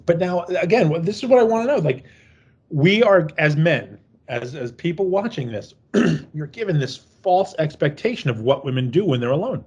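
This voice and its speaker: Husky-voiced man in casual chat. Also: on the high side, expressive, moderate pace, darkish tone. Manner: rambling, jokey, profane. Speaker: podcast co-host reviewing a horror film.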